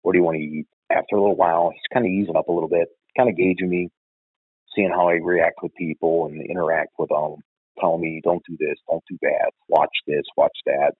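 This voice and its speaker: A middle-aged man, a retired police officer telling stories in an interview, profane and animated. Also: deep voice, a little fast, breathy edge, dry recording, narrow, tinny audio. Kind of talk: storytelling in an interview.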